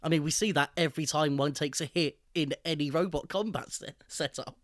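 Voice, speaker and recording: Higher-voiced opinionated male co-host. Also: dry recording, studio quality. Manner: opinionated, deliberate emphasis. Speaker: podcast co-host. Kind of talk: casual tech chat.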